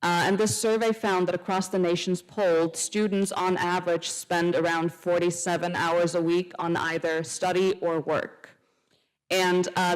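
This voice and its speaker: Answering a panel question, a young Icelandic woman on a student council responds in a measured way, citing survey figures and using lots of fillers. Her voice is fairly low, and the audio quality is poor.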